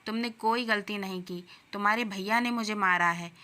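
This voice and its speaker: A woman's voice: medium pitch, normal speed, sharp tone, close to an everyday voice. A woman voicing a hurt, angry young wife. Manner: tense, hurt. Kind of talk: storybook narration.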